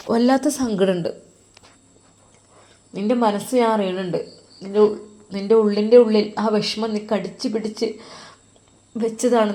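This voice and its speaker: A woman's voice: mid-range voice, warm tone, close to an everyday voice. A woman doing a grieving elder sister-in-law with a Malappuram accent. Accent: Malappuram Malayalam.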